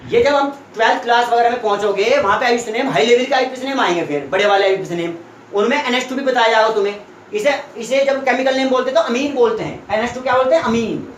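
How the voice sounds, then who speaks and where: A man's voice: very high-pitched, fast, a little hiss or hum. A young man tutoring students in a classroom, explaining chemistry step by step and often checking that they follow. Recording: echoey room.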